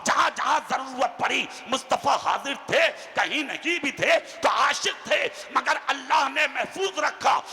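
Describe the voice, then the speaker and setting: A man preaching a fiery religious sermon, shouting in rising chanted bursts with repeated refrains. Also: very high voice, expressive, measured pace, vocal fry, few pauses, a little hiss or hum. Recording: echoey hall with crowd.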